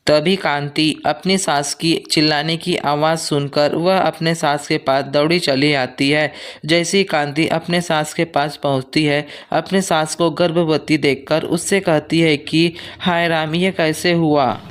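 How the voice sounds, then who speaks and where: A man narrating a cartoon story in a measured, plain storytelling manner. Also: on the high side, steady tone, a bit bright, clear, resonant tone.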